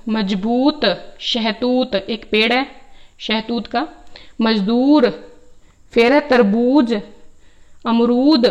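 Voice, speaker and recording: Lady teacher going through spelling lists real slow, voice a bit on the high side. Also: highs cut off. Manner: reads word lists aloud syllable by syllable, explaining meanings. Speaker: Punjabi language teacher. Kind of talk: slow reading lesson.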